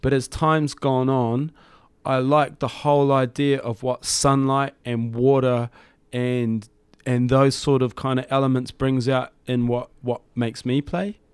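A man's voice: medium pitch, little pitch movement, measured pace, clear, resonant tone, no room sound. A middle-aged man speaks with a broad New Zealand accent. He chats casually as an interview guest, with loose, rambling phrasing. The sound is dry, with no room around the voice. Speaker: hip-hop DJ and MC, interview guest. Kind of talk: casual studio interview chat. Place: studio.

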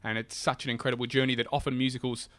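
A man's voice: mid-range voice, level tone, rapid-fire, no echo. A male musical theatre actor, joking and self-mocking as a guest. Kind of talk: casual interview chat.

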